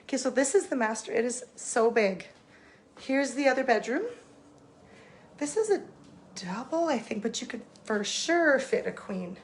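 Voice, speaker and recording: A woman's voice: on the high side, lively intonation, moderate pace, a little hiss or hum. Bubbly woman giving a phone-filmed home tour. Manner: bubbly, enthusiastic, addresses viewers directly. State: losing her voice. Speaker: real estate agent. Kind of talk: live walkthrough home tour. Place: indoors and outdoors at a house. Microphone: phone held while walking.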